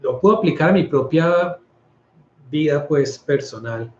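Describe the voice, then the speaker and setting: Colombian priest giving a roomy, conversational talk. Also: male voice, fairly high pitch, expressive, unhurried. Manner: conversational, stumbles and restarts words. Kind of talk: informal scripture talk. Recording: roomy, slightly dull recording.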